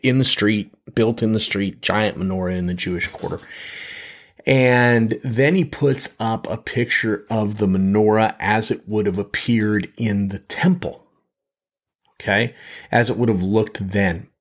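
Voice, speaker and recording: A man with a fairly low voice teaches a Bible lesson to his listeners. His delivery is conversational and chatty, with restarts and frequent check-ins asking whether they follow. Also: measured pace. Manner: conversational, repeats words and checks in with "okay?".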